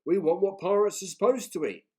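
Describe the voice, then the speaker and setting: A man voicing a bossy male pirate chief who gives loud orders. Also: high voice, a little fast, voice pushed up, lightly acted. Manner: loud and commanding.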